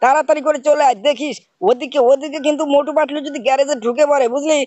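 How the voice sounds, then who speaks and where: With a high, fairly even and slightly mellow voice, a gaming host talks fast in the role of a scolding uncle, peppering his playful commentary with "bujhchhis?" No room sound is audible.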